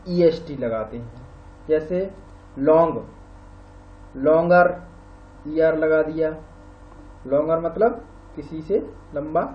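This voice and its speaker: A man gives a slow, patient grammar lesson, spelling out and repeating each example word. His voice sits a little high for a man. The recording is roomy and dull, with a faint hum behind it. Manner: slow, explanatory, repeats words aloud. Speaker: teacher.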